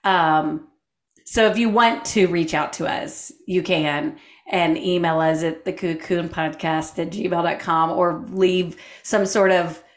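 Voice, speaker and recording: A woman co-hosting a podcast, talking in an upbeat way and quick to laugh. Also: fairly low pitch, fairly even intonation. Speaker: podcast co-host. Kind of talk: casual heartfelt conversation. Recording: echoey room with faint music.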